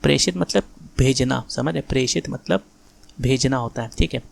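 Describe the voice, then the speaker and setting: At a moderate pace, a man with a creaky, medium-pitched voice leads an informal grammar session aimed at an exam. Correcting sentences as he goes, he restates each correction and regularly asks if students follow.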